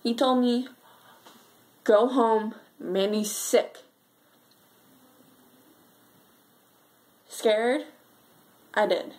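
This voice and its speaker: A woman plays a sad, frightened schoolgirl telling her story in a fairly high voice, steady in tone and a little mellow. It's an earnest amateur monologue, halting and full of pauses, with a shaken, fearful mood.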